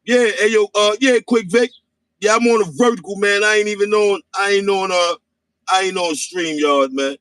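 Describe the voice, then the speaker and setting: A man in a casual livestream chat, taunting in an animated, sing-song way. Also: sits high, normal speed, clear, resonant tone, no echo. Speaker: podcast guest. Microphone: phone livestream.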